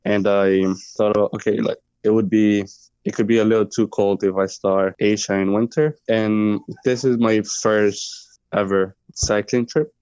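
A man's voice: fairly low pitch, fairly even intonation, unhurried, a little mellow, smooth, no echo, highs cut off. A man in his twenties from Colombia, a native Spanish speaker talking in English as a podcast guest. He talks hesitantly, with many fillers and restarts. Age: 20s. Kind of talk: interview conversation.

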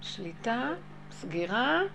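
A woman telling a story in a casual, animated way, often laughing and acting out what people said. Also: on the high side, vocal fry. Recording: loud music behind the voice.

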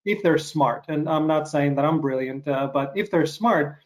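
A man interviewing a guest on a video call, rambling and self-deprecating, with frequent halting restarts. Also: on the high side. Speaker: interviewer host. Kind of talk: casual interview chat.

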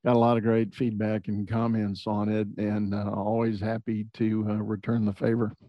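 A middle-aged man from Texas, appearing as a podcast guest, reflects on his upbringing in a conversational interview, using many fillers and restarts. His voice is fairly low with little pitch movement and a normal speed. The sound is dull, lo-fi, and dry, with no echo.

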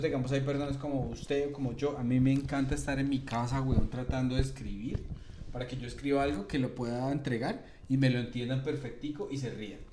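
A man's voice: medium pitch, background noise. A young man with a Colombian accent, hosting a comedy podcast and telling rambling stories with many restarts and casual swearing. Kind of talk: casual conversation, storytelling.

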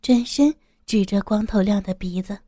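A woman calmly narrating a crime story as a storyteller, in an even reading voice. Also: mid-range voice, normal speed, dry recording, clean studio sound.

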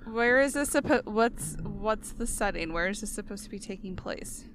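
Female podcast co-host, teasing and dry, bright lively voice. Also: medium pitch, normal speed, a little hiss or hum. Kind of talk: casual podcast chat.

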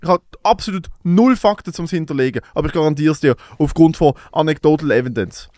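A young man with a Swiss German accent, rambling through stories and laughing as he goes. His voice sits a bit high for a man. The sound is dry and close, with no room around it. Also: quick pace, darkish tone, no room sound. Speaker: podcast co-host. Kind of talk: casual chat.

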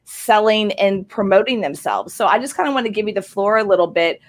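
A woman hosting a casual interview over a video call, upbeat and encouraging, talking in long quick runs. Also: mid-range voice, expressive. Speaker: podcast host.

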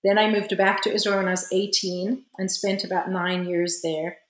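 A woman's voice: mid-range voice, flat delivery, normal speed, roomy sound, low-quality recording. A woman from South Africa, a spiritual healer, telling her life story as an interview guest in an earnest, reflective way. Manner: earnest and reflective, with frequent "you know".

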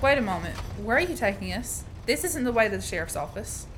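A woman's voice: fairly high pitch, sing-song, fast. A woman acting a feisty, skeptical young woman in a radio play, prim and challenging. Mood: annoyed. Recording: noisy student radio play recording.

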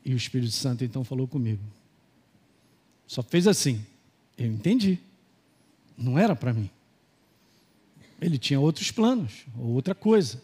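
A man's voice: mid-range voice, very animated, normal speed, long pauses, darkish tone, breathy edge. A middle-aged man with a Brazilian Portuguese accent, giving a sermon and telling a personal story in a conversational way, with asides to the congregation. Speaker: pastor. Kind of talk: sermon testimony.

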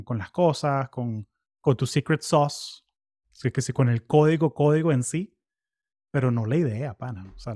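A man's voice: mid-range voice, no room sound, studio quality. A man, hosting a casual interview in a chatty, slangy way. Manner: chatty, slangy, animated asides. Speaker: podcast host.

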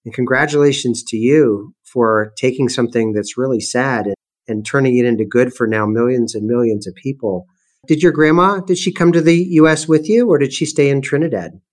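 A man's voice: medium pitch, a little fast. Encouraging male podcast host. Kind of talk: interview questions.

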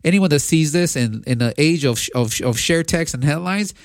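A man's voice: fairly high pitch, animated, normal speed, dry recording, clean studio sound. A man co-hosting a podcast, giving his opinion in casual debate, often restarting and repeating words as he thinks aloud. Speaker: podcast co-host.

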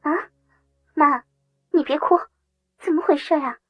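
A woman's voice: high voice, measured pace, lo-fi sound, faint music behind, voice pushed up. A woman doing a young coaxing daughter. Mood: coaxing, worried. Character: young college-aged daughter.

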